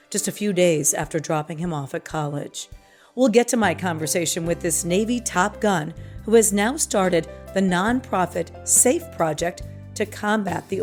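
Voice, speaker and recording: A middle-aged woman with a raspy voice, hoarse from laryngitis, hosting an interview podcast and speaking as its presenter. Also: fairly low pitch, a little mellow.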